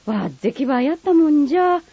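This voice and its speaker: A woman's voice: sits high, fast, dry recording, pitched above the performer's own voice. A woman voicing a chatty Kagoshima local woman, talking with a neighbor in broad dialect. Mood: gossipy. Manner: broad dialect, lively and exclamatory. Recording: slightly muffled dry recording.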